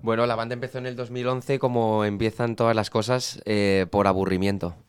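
A young, easygoing band member from Madrid, Spain, swaps stories and jokes during a casual radio interview. His voice is fairly low and smooth, with a level tone and a fairly quick pace.

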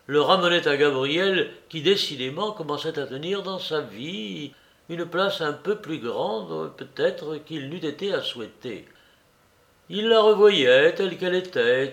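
A man reading a classic novel aloud as audiobook narration, measured and expressive. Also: a little high, creaky. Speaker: audiobook reader.

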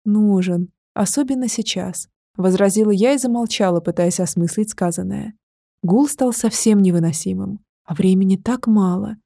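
Dark-toned woman narrating a novel. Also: medium pitch, moderate pace, gravelly, no room sound, studio quality. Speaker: audiobook narrator. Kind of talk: first-person novel narration.

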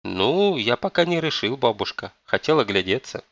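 A man's voice: medium pitch, very animated, moderate pace, creaky, fairly bright tone, no echo, lo-fi sound, pitched above the performer's own voice. A man voicing a spoiled, lazy young man of twenty-two who whines and pleads. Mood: whining. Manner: whiny, pleading.

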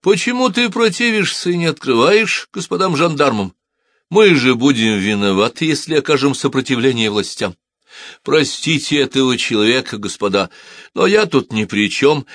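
A man voicing a calm, resigned farmer who pleads and reasons in a storybook reading. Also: medium pitch, no room sound, clean studio sound, pitched above the performer's own voice. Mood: pleading. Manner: pleading, measured.

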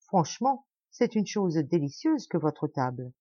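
A woman's voice: deep voice, sing-song, measured pace, mellow, dry recording, highs cut off, exaggerated voice. A woman voicing a starving, polite poor man who effusively praises imaginary food for his host, in an audiobook tale.

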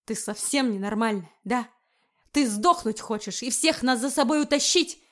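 A woman voicing a furious young male knight commander who shouts harsh threats. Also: fairly high pitch, moderate pace, natural voice.

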